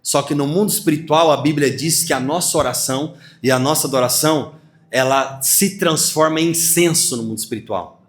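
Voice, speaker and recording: Lively and brisk, this man preaches as a pastor with a fairly high-pitched voice. He teaches through acted-out dialogue, performing different voices and breaking into laughter along the way.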